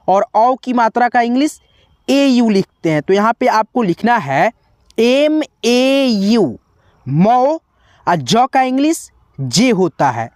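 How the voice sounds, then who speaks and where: Slow patient male tutor, dry close sound. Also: sits high, a little mellow, no room sound. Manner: slow, repetitive, spells letters out one by one; keeps addressing viewers as friends. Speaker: teacher. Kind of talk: tutorial explaining spelling on a board.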